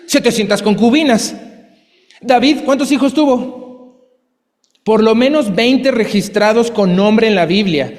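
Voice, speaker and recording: High-voiced preacher in a reverberant hall. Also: male voice, unhurried, long pauses. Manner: lively, conversational preaching with asides and acted quotes. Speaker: pastor. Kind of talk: sermon.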